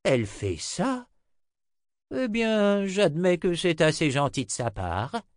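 A cranky old wizard who grumbles but softens with children, as a male narrator voices him. His voice sits a little higher than the reader's own and is louder. The recording is dry and close. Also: sing-song, slow pace, no echo, exaggerated voice. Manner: grumbling, gruff delivery.

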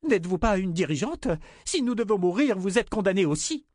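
Man putting on a furious high-pitched noble lady, audiobook, dry sound. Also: very animated, brisk, darkish tone, no echo. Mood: outraged. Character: outraged, defiant noblewoman.

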